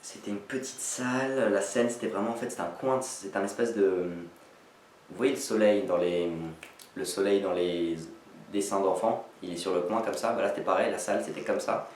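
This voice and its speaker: A man with a fairly low voice chats casually to his viewers, rambling and halting as he modestly reviews himself. He sounds a bit far from the mic in an echoey room with faint noise. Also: steady tone, a little mellow. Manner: rambling, self-deprecating, halting. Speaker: amateur sketch writer introducing own video. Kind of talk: casual vlog chat to viewers. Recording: echoey, slightly noisy, distant microphone.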